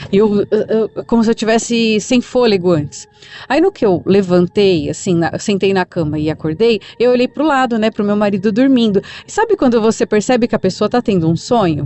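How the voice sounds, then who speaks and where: A woman with a Brazilian accent, narrating a listener's true supernatural story for a podcast in a calm, conversational way. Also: on the high side, dry recording. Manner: calm, conversational retelling with spoken fillers.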